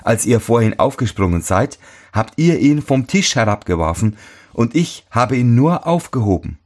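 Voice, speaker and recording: A man reading a fairy tale and voicing a young male shoemaker's apprentice who calmly answers his master. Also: medium pitch, moderate pace, pitched above the performer's own voice. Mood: patient. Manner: calm, respectfully answering back.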